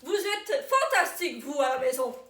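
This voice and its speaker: A woman playing a chipper quiz co-host who reads questions slowly and deliberately. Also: sits high, very animated, fairly bright tone. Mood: playful. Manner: deliberate, slow question reading. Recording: roomy sound, far from the mic.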